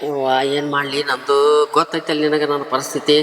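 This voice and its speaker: A man plays a poor, caring older brother in a village family drama. His North Karnataka Kannada accent is rustic, and he asks his questions in an earnest, pleading way. His voice sits fairly high for a man, with soft music under it. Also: flat delivery, fairly quick. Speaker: actor in a short film.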